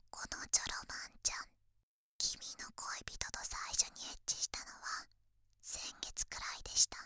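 A woman's voice: bright, forceful tone, no room sound, studio quality. A woman playing a smug, teasing succubus in an erotic ASMR whispered role-play, speaking right into the ear with mocking politeness. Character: smug teasing dominant succubus seductress, adult, sadistically polite. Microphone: very close, dry microphone.

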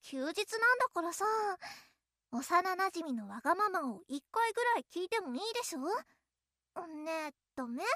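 A very high, girlish voice, acted by a woman, close and dry with no room around it. She is a young childhood friend in an audio drama, coy and clingy. Her playful teasing carries a possessive, softly menacing edge. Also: big pitch swings, moderate pace, dry recording, full character voice. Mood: coy, pleading. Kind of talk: Japanese audio role-play addressed to the listener.

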